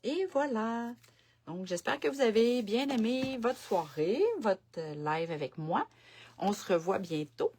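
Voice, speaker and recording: A woman's voice: mid-range voice, lively intonation, measured pace, a little mellow, a little hiss or hum. A woman with a Quebec French accent giving a casual live craft demo at her home desk, chatting and thinking aloud as she works. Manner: chatty, thinks aloud while working, many fillers. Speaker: craft demonstrator on a live stream. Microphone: camera set on the desk.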